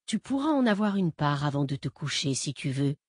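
A woman reading an audiobook voices an impostor father who talks to a boy in a calm, condescending, soothing way. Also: deep voice, brisk, slightly rough, dry recording, clean studio sound, full character voice. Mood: patronizing. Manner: soft, patronizing, soothing.

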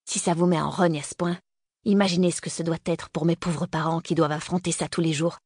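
A woman narrating a novel in the first person, tense and hushed in narration and livelier in dialogue. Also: low-pitched, steady tone, brisk, husky, no echo, clean studio sound. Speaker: audiobook narrator.

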